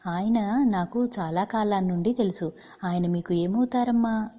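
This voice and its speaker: A woman's voice: medium pitch, unhurried, highs cut off, natural voice. Woman reading as a tender ragged old beggar. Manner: gentle, affectionate questioning. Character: poor ragged ailing man, tender and devout.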